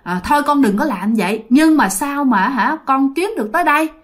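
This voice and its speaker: A woman voicing a frightened but soft-hearted elderly grandmother who speaks in a gentle, coaxing way. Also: sits high, animated, fairly quick. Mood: pleading.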